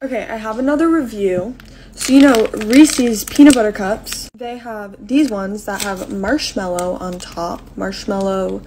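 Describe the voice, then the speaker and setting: A woman's voice: mid-range voice, measured pace, dark tone, a little hiss or hum. A young woman chatting casually through a product review vlog, bubbly and full of "like". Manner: bubbly, chatty, with many likes. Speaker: social media creator.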